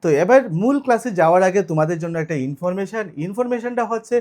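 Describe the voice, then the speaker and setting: A man's voice: sits high, quick pace, a little mellow. A man teaching English grammar in an online video lesson, explaining step by step and asking and answering his own questions.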